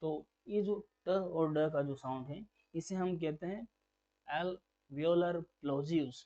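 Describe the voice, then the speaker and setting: A man's voice: fairly high pitch, unhurried, warm tone. Man teaching phonetics, dull recording. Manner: patient, repeats key terms as questions to drill them. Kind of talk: exam-prep lecture.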